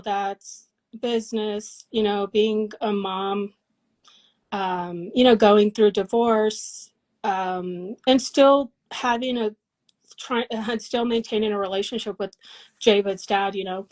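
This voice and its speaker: A woman in her forties from Colorado, a massage therapist and business owner, talks in a casual interview. She is earnest and reflective, with many fillers and restarts. Her voice is medium-pitched and darkish, and the recording is rough.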